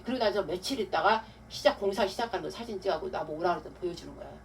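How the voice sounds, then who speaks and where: A woman pastor giving a testimony-style sermon, telling her story with animated, acted-out quotes. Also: fairly low pitch, racing, vocal fry. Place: church hall. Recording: distant mic with faint room noise.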